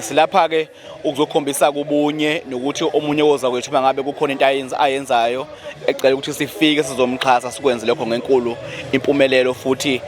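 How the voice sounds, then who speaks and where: A man with a Zulu accent, a musician talking casually as an interview guest in a humble, thankful, repetitive way. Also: medium pitch.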